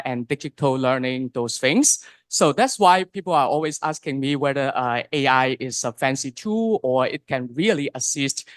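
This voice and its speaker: A man's voice: medium pitch, a bit bright, no room sound, clean studio sound. Earnest man with many fillers. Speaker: mathematics lecturer. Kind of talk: panel self-introduction.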